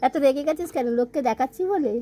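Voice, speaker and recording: A woman's voice: sits high, fast talker, warm tone. A woman filming her pet cat at home, coaxing it to eat in cooing baby talk. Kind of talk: casual home video.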